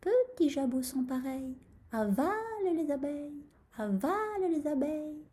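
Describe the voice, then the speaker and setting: Cheeky little rooster, shrill chanting, storybook; a woman puts it on; high, animated. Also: measured pace. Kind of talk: storybook reading.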